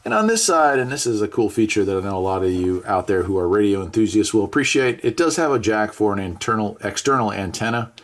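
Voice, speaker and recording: A fairly low-pitched American man reviews a product casually, talking fast with lively intonation and hardly any pauses. He is a radio reviewer and video host who repeats phrases for emphasis. Background noise and clicks of handling are clearly audible.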